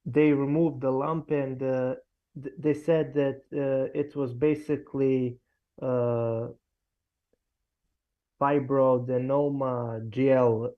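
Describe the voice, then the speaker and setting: A man's voice: medium pitch, little pitch movement, slow, phone-quality sound. A man from Serbia calling a live show, speaking in a hesitant, detailed way with many fillers. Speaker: caller.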